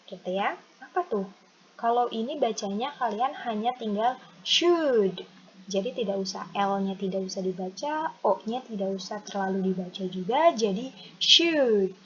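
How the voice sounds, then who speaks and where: A woman English teacher with an Indonesian accent, explaining a lesson and modeling phrases slowly for students to repeat. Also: mid-range voice, expressive, a little mellow. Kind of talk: recorded classroom lesson. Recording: dull lo-fi recording with faint noise.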